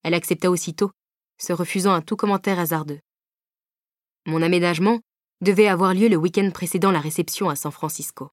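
A woman reading a novel aloud in the first person, measured and even, at a close microphone. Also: fairly low pitch, no echo. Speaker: audiobook narrator. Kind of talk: scripted audiobook narration. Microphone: close studio microphone.

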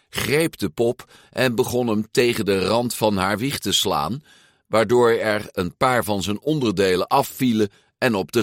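A man narrating a children's storybook aloud in an expressive, lively way. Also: lowish voice, dry recording, clean studio sound. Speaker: audiobook reader.

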